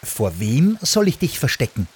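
Small girl in a storybook, hesitant and stammering, lively pitch; male narrator voices her. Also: normal speed, slightly rough, full character voice. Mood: timid. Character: timid but brave little girl.

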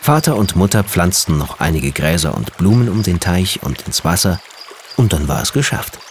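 A man reading a children's storybook aloud with gentle, lively storytelling. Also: sits low, normal speed, slight background noise.

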